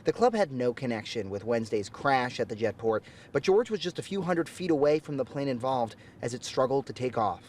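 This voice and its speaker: A man's voice: mid-range voice, sing-song, a little fast, hardly any pauses, a little mellow, slight background noise. A man narrating a scripted television news report as a field reporter.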